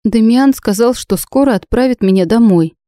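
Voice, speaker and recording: Brief: tearful young heroine, read by a woman, high, shaky, sniffling, stammers while crying, dry close audiobook sound. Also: moderate pace, dark tone, dry recording, lightly acted.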